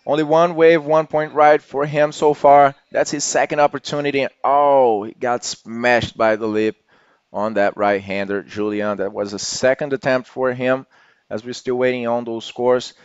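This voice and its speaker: A man's voice: medium pitch, fairly even intonation, moderate pace, smooth, no room sound, highs cut off. A man giving live sports commentary as one of the broadcast's commentators.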